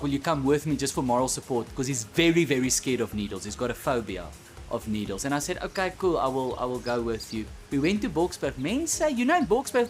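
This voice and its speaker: A man with a South African accent telling a stand-up comedy story, loose and animated with a lot of swearing. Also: fairly high pitch.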